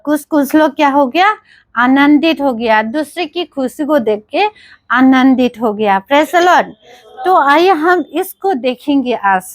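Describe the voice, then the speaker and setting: A woman's voice: high voice, expressive, slow pace, no echo. A woman preaching a sermon, often asking questions and answering them herself and repeating praise phrases. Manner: repeats "Praise the Lord", asks and answers her own questions.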